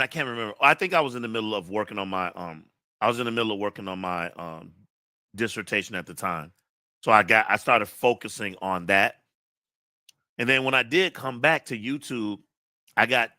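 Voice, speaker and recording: A middle-aged man hosting a live stream, talking in a rambling, relaxed way with many fillers. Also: on the low side, no room sound. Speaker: host. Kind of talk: casual live-stream chat.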